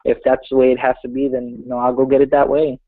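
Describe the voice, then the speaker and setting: Over a muffled phone connection, a pro boxer in his twenties answers interview questions in quick, short bursts, earnest and sure of himself. His mid-range voice is completely flat and fast, with no room sound around it.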